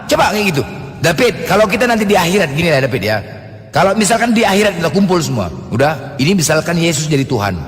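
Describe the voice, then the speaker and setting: An animated man talks religion casually and teasingly, firing off one rhetorical question after another. His voice sits fairly high and swings widely in pitch. A long reverb trails each phrase. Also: fast talker.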